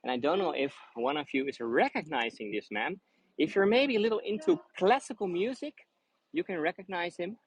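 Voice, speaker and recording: A tour guide whose first language is Dutch speaks with a Dutch accent in a high, animated, brisk voice. He leads a live walking tour on busy city streets, chatty and friendly, full of fillers and restarts. The audio is poor, with a little hiss or hum.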